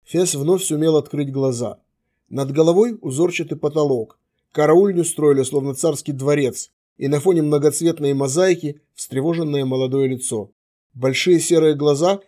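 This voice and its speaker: A man narrating a fantasy audiobook in a steady, measured way. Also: fairly high pitch.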